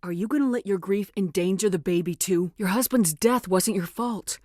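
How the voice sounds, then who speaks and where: A woman's voice: medium pitch, normal speed, mellow, no echo, studio quality, natural voice. A woman playing a resolute, no-nonsense military space commander in video game dialogue, with a direct, authoritative and controlled delivery. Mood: earnest, persuasive.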